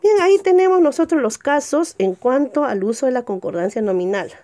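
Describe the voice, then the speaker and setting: Her tone is dark but her intonation lively as this woman teacher works through a recorded grammar lesson. Rhetorical check questions come often, example words get a slower, stressed delivery, and each new point brings a jump in pitch.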